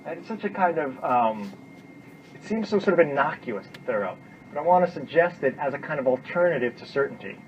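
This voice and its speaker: Captured in a noisy, dull, lo-fi classroom recording, a man lectures informally and emphatically at a university. His voice is on the high side, with lively intonation and a fairly quick pace. He repeats himself and keeps asking "right?".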